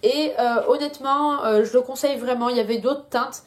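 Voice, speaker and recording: A woman's voice: high voice, fairly even intonation, fairly quick. A young woman chatting casually in a beauty product review, full of hesitations, while she has a headache. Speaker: beauty vlogger.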